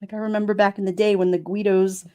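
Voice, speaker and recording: A middle-aged woman with a New York accent, casually chatting on a livestream, sassy and quick to laugh. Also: medium pitch, level tone, mellow, smooth. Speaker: livestream host reading chat. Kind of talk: casual chat.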